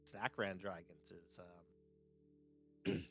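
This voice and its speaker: A man playing in a tabletop game over voice chat, explaining things haltingly and restarting often. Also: low voice, steady tone, faint music behind. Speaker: player. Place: online voice chat.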